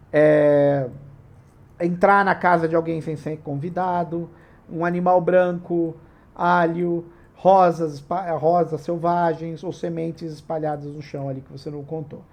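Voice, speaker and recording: A man's voice: fairly high pitch, darkish tone. A man with a Brazilian Portuguese accent, hosting a tabletop RPG channel and explaining rules in a casual, digressive way with frequent tag questions.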